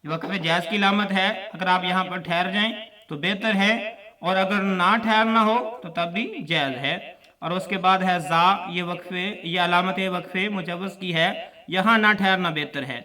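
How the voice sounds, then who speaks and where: High, bright-voiced man teaching from afar. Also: fairly even intonation, normal speed, far from the mic. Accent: Pakistani Urdu. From Pakistan. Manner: repeats points and quizzes listeners. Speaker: Quran teacher. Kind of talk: religious classroom lesson.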